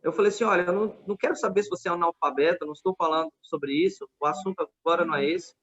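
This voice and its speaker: A man with a Brazilian Portuguese accent recounts events in a podcast conversation, earnest and quoting dialogue as he goes. His voice sits fairly high for a man. The recording is dull and lo-fi. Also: rapid-fire, a bit bright. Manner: earnest, retelling a street debate with quoted dialogue. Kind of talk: casual podcast storytelling.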